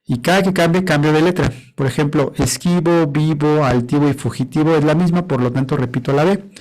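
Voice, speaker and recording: A man teaching a class on poetry, his voice sitting a little high for a man. He is patient and steady, slowing down to count syllables out loud one by one. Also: rough recording.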